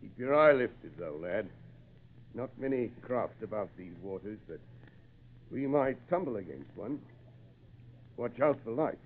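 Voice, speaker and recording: Gruff old fisherman guy, raspy salty folksy voice, old radio play, tinny narrow sound. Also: fairly low pitch, animated, unhurried, long pauses. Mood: calm, wary. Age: older. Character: gruff, kindly old fisherman, seasoned and cautious. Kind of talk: old-time radio drama acting. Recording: muffled, narrow-band old radio recording.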